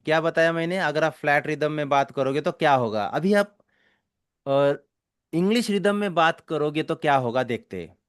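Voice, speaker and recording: A man's voice: a little high, smooth, dry recording, clean studio sound. A man with an Indian accent teaching a spoken English class, explaining step by step in mixed Hindi and English and often checking that students follow. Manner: explains slowly, mixes Hindi and English, keeps checking understanding.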